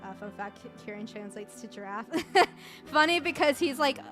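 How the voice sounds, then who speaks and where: A woman's voice: mid-range voice, animated, normal speed, a bit bright, soft background music. A woman streamer giving casual, chatty commentary at a year-end awards stream, laughing often.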